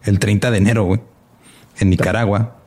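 A man's voice: lowish voice, steady tone, fairly quick, darkish tone. A man co-hosting a podcast, laid-back and joking, full of slang. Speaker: podcast co-host. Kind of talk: casual podcast chat.

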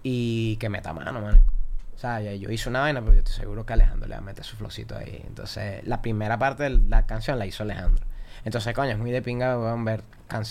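A young adult man with a Venezuelan Spanish accent, a singer-songwriter telling animated, slang-filled anecdotes on a casual podcast. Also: lowish voice, fast talker, vocal fry, slight background noise.

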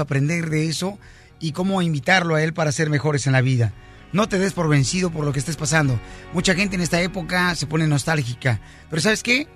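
A man's voice: on the high side, fairly bright tone. A man hosting a radio show, bantering playfully and telling jokes. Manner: playful, laughs a lot, tells jokes.

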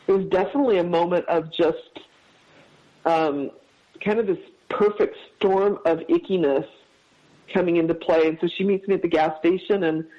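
A man as a podcast guest, telling a personal story in a heartfelt, halting way with many restarts. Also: high-pitched. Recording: dull lo-fi sound.

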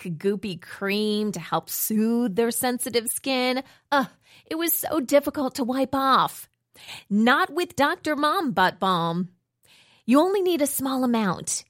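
Lively woman reading a commercial. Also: fairly high pitch, dry recording, studio quality. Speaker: ad reader. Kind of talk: scripted commercial read.

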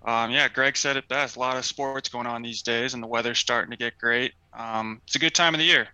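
A man with a very bright, crisp and smooth voice, recorded dry and close. He chats enthusiastically on a casual sports podcast, leaning on easygoing fillers. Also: mid-range voice, fairly even intonation, a little fast, no echo, rough recording. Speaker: podcast co-host.

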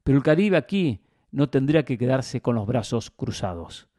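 A man's voice: mid-range voice, animated, moderate pace, mellow, no room sound, clean studio sound. A man giving opinionated football commentary as a host, emphatic and fond of rhetorical questions and repetition.

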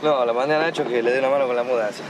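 An actor playing a fast-talking Argentine son with a hustler's patter, quick and exasperated. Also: male voice, mid-range voice, fairly even intonation, natural voice. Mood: ranting. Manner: rapid, wheeling-dealing, exasperated. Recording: film scene with road noise.

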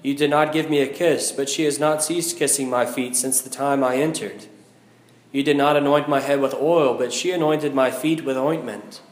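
American priest, echoing in a big church. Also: male voice, medium pitch, fairly even intonation, moderate pace. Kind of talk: liturgical Gospel reading and homily. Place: inside a large church. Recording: echoing large church hall.

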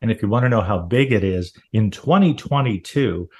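A man's voice: on the low side, expressive, moderate pace, a little mellow. A man hosting a radio interview, talking in a conversational, reflective way. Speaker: radio show host.

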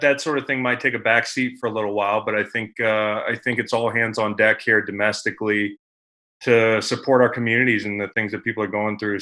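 A man's voice: on the low side, sharp tone. A man in his thirties hosting a podcast interview, talking in a conversational, admiring way with plenty of fillers. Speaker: podcast host. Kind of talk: casual interview chat.

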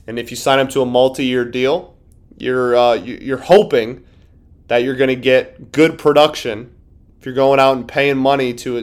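A man with a medium-pitched voice hosts a sports podcast, speaking casually and emphatically while often repeating himself and restarting his sentences.

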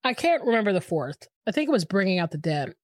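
A woman's voice: mid-range voice, big pitch swings, quick pace, dry recording, studio quality. A woman co-hosting a film podcast, chatting informally and checking in with the listener. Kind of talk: casual conversational film discussion.

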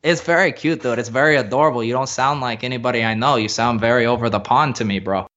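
A man's voice: mid-range voice, fast talker, a bit bright, lightly acted. A man voicing a cocky, boastful young male fantasy sports bro who calls everyone dude, recorded with a slightly dull lo-fi sound.

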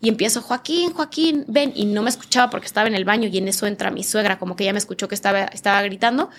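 A woman's voice: medium pitch, fairly even intonation, racing, fairly bright tone. A woman with a northern Mexican accent, a podcast guest telling an emotional personal story and acting out the voices of people in it. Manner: vivid storytelling, acting out quoted dialogue in changed voices.

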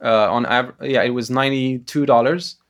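A man founder pitching his company to investors, answering in a hesitant, halting way with many fillers. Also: steady tone. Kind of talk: business pitch conversation.

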